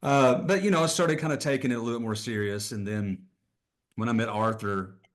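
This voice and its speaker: A middle-aged guest musician chats casually, rambling a bit and laughing often. His mid-range voice moves fairly quickly.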